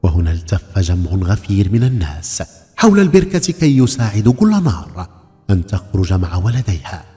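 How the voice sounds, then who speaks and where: A male storyteller narrates a folk tale with a lively, swinging pitch and a dark, mellow tone. His voice carries a long hall reverb. Faint music plays underneath. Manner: expressive, rises and falls dramatically.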